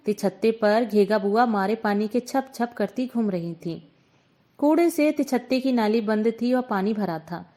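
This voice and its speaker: A woman storyteller reading a short story aloud in a calm, measured way. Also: a little high. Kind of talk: scripted narration.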